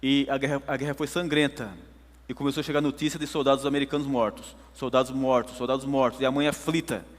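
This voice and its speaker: Emphatic São preacher. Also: male voice, mid-range voice, little pitch movement, quick pace, in a large hall. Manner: emphatic storytelling, addresses listeners as brothers. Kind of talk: sermon.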